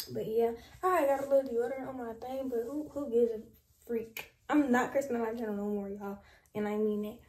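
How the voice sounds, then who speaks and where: A woman's voice: on the high side, fairly even intonation, moderate pace, pauses often, darkish tone, echoey room, recorded from a distance. A young woman in her twenties chatting casually to viewers in a playful, slangy way, filmed in a small bedroom. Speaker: vlogger. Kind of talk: casual vlog chat.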